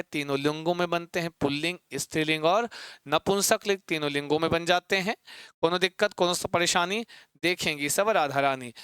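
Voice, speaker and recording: A man teaching an exam-prep lesson, repeating points, quizzing his students with rhetorical questions and chanting word forms slowly. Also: high-pitched, fairly bright tone, clear, resonant tone, no echo.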